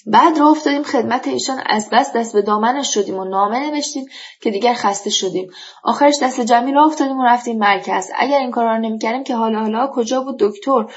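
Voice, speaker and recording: A woman's voice: fairly high pitch, natural voice. A woman reading a story, voicing a talkative, hospitable older village man who speaks emphatically and airs his grievances. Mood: indignant. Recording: dull lo-fi recording.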